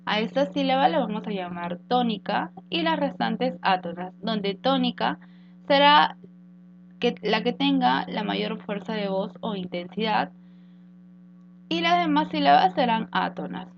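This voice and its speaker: Female teacher, fairly high and gravelly, patient explainer, dull lo-fi recording with mains hum. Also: animated. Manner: explains slowly with rhetorical questions and fillers. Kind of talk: recorded grammar lesson.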